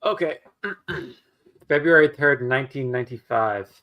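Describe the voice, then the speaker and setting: A man's voice: mid-range voice, moderate pace, bright, forceful tone. Man muttering dry asides on a stream. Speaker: co-host of a writing livestream. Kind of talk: casual livestream chat.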